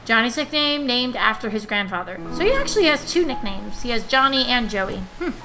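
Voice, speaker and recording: A woman's voice: fairly high pitch, very animated, fairly quick, rough recording. A woman playing a story game, chatting and thinking aloud as she reads its dialogue. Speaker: let's play gamer. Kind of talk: casual gameplay commentary. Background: game soundtrack music.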